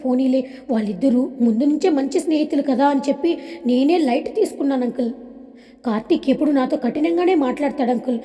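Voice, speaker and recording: A jealous young schemer, voiced by a woman narrator, switches between sugary kindness and quiet threats. The voice stays high and mellow. It carries a long reverb. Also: fast talker, faint music behind, close to an everyday voice. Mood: fake crying. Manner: two-faced, sugary then threatening. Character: scheming jealous young man, fake sweet.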